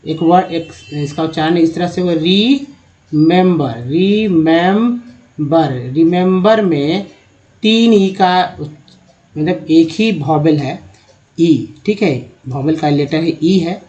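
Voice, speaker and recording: A man's voice: a little high, slow, warm tone, muffled recording. A man with a Hindi accent teaching English pronunciation, patiently drawing out the words he demonstrates. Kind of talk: explaining pronunciation to learners.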